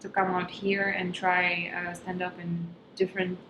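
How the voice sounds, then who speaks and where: A young Kazakhstani woman, a stand-up comedian whose first language is Russian, chats casually as a guest in an interview, often groping for words with lots of ums. Her voice sits fairly low and stays monotone at a normal speed. The recording has an echoey room and background noise.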